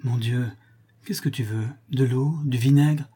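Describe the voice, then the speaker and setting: A man's voice: mid-range voice, unhurried, warm tone, slightly rough. A man voicing a passionate, devoted young woman in an audiobook, tender and anxious, with a raised, pleading tone.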